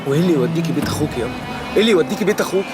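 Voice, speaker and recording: A man's voice: a little high, expressive, rapid-fire, close to an everyday voice. An actor with an Egyptian accent playing a son who insistently pleads with his mother. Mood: pleading. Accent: Egyptian Arabic. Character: pleading son, young man, emotional. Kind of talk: TV series acting. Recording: loud music score behind.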